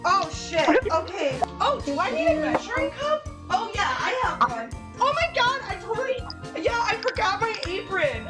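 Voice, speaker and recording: A woman in her thirties cooks live with a friend in her home kitchen, chatting casually on her livestream, swearing and laughing at her own chaos. Her very high voice swings widely in pitch at a moderate pace with hardly any pauses, picked up by a fixed camera across the room amid roomy kitchen sound and background music.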